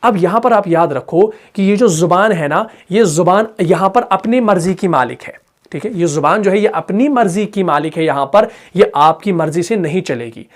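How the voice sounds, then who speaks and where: High-voiced man teaching recitation patiently. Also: moderate pace. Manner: patient, repeats points, asks checking questions; demonstrates sounds aloud. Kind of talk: explanatory lesson.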